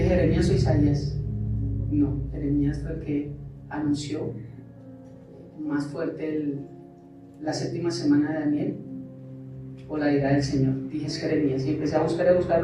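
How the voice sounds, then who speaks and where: A man preaches from the pulpit of a church, sharing personal testimony and throwing rhetorical questions at the congregation. His voice rings through a very echoey sanctuary and is picked up from a distance. Music plays clearly behind him. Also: a little high. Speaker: pastor. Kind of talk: sermon.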